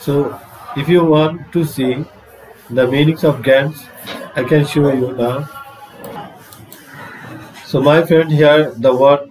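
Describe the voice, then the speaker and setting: A man's voice: on the high side, steady tone, a little mellow, soft background music, rough recording. A man with a Bangladeshi accent teaching English vocabulary, drilling pronunciation and switching into Bangla to explain. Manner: drawn-out pronunciation drills, repeating words. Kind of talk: slow vocabulary lesson mixing English and Bangla.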